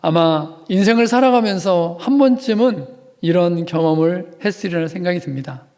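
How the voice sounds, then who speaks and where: A man's voice: sits high, moderate pace, darkish tone. A man preaching a sermon as pastor, earnest and pleading when he voices prayers. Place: church sanctuary.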